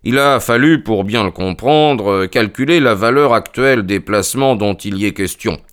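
A man playing a calm, ironic detective in a dramatized reading, unruffled and dry. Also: fairly low pitch, normal speed, clean tone, close to an everyday voice. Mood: explaining.

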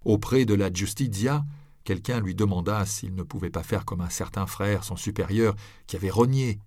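A man with a low voice narrates an audiobook in a measured, even way. The sound is close and dry, with no room around it. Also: dry recording.

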